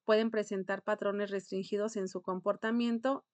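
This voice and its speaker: A woman's voice: medium pitch, steady tone, normal speed, no echo. Woman teacher running a casual lecture, explains with examples, checks in with the class often. Mid-range voice, dry room. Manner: conversational, explains with examples and rhetorical questions.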